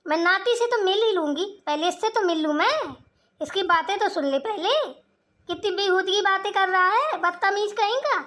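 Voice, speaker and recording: A woman voicing an angry, proud old village mother-in-law in a Hindi cartoon, scolding her sons in a sharp-tongued way. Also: very high-pitched, moderate pace.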